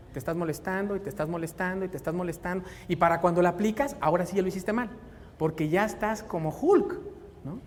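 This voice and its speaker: A man's voice: high voice, darkish tone. Mexican man preaching in an echoey hall. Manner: anecdotal, fires rhetorical questions at listeners. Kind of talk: church talk. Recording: long hall reverb, faint background noise.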